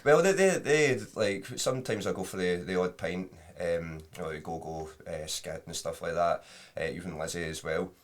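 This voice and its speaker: A man's voice: low voice, moderate pace, few pauses. A man in his thirties with a West Lothian Scottish accent, chatting in an informal, rambling way as an interview guest. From Scotland. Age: 30s. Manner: informal, rambling, often adds "you know". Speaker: podcast guest, drummer. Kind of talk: casual chat.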